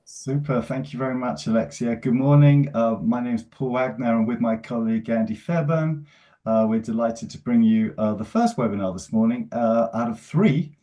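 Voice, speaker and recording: Male webinar moderator, mellow dark voice, friendly, video call. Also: mid-range voice, moderate pace. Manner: friendly, introduces panelists, stumbles over names. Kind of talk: hosting a webinar.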